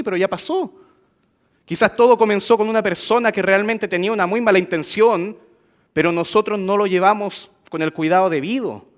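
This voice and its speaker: A man preaching a sermon in a church, asking the congregation questions and acting out quoted gossip. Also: a little high.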